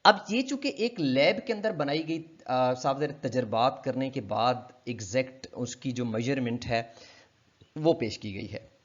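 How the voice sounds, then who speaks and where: A man from Pakistan lecturing on phonetics, explaining a textbook chapter, asking and answering his own questions and drawing out sample sounds slowly. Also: mid-range voice, animated. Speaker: linguistics lecturer. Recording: dull lo-fi lecture recording.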